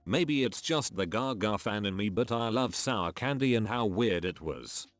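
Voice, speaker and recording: A male text-to-speech robot voice reading online posts aloud. It sits fairly low and swings widely in pitch. The sound is close and dry, with no room around it. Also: lively intonation, moderate pace, dry recording. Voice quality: synthetic, machine-generated. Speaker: computer voice reading forum posts.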